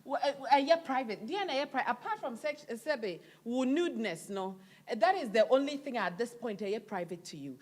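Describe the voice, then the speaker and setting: Lady host, high voice that jumps all over, switches languages a lot. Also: fairly quick. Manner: animated, code-switching, laughs often. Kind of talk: casual chat.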